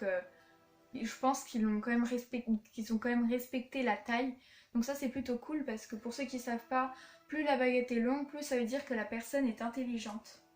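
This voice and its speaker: A woman's voice: fairly high pitch, darkish tone. A young woman chatting casually in her room as she shows her collection, with many fillers and restarts. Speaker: vlogger showing her collection. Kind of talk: casual chat. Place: her room at home, indoors. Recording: echoey room, faint music behind.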